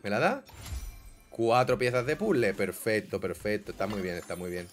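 Lively gaming commentator, animated. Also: male voice, fairly low pitch, normal speed, faint music behind. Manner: animated, swings from grumbling mutters to excited yelps. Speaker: gaming YouTuber. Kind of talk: casual gameplay commentary.

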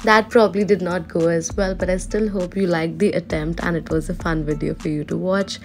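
A woman's voice: on the low side, fairly even intonation, a little fast. A woman in her twenties with an Indian accent, giving a casual, playfully dramatic makeup voice-over as a beauty vlogger. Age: 20s. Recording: voice-over with music behind.

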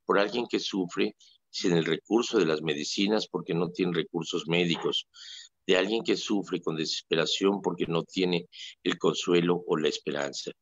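A man's voice: sits low, dry recording, dull audio. A man, a priest hosting a radio show, who tells stories in a folksy way with many fillers and speaks while ill and in pain. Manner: anecdotal, folksy, pauses with fillers. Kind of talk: casual spoken reflection on a radio show.

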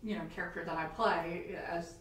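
This time the tabletop game master and host has a lowish, fairly bright voice with fairly even intonation and a moderate pace, chatting and laughing over tea as she shares stories. Slight background noise can be heard, and the distant mic catches a very echoey room.

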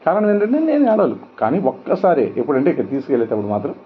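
A man's voice: on the high side, huge pitch swings, rapid-fire. A middle-aged male pastor preaching a sermon with emphatic rhetorical questions. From India. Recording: dull lo-fi sound with faint noise.

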